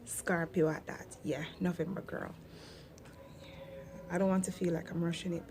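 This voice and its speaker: A woman's voice: fairly low pitch, flat delivery, moderate pace, creaky, background noise. A Jamaican woman in her thirties chatting casually through a Q&A vlog, slipping into patois now and then. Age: 30s. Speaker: vlogger.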